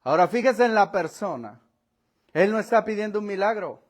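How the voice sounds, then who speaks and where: A high-voiced man preaching a sermon. He swings from quiet, low asides to loud, raised lines and acts out the voices of the people in the story. He laughs between points and keeps calling his listeners brother. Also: animated, normal speed. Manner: preaching with dramatic shifts in pitch and volume, acting out voices. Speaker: pastor. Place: church.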